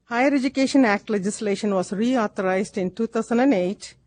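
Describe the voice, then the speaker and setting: A woman presenting an agenda item at a public meeting, steady and explanatory, from a table microphone. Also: fairly high pitch, fairly quick. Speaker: staff presenter.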